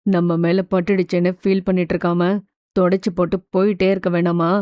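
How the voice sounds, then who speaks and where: A woman narrator voices a young man who gently urges his crying older sister to be strong. The tone is earnest and mellow, recorded close and dry for an audiobook. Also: fairly low pitch, level tone, a little fast, dry recording, pitched below the performer's own voice, natural voice. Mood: reassuring. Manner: earnest, coaxing, reassuring. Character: young man, protective loving younger brother.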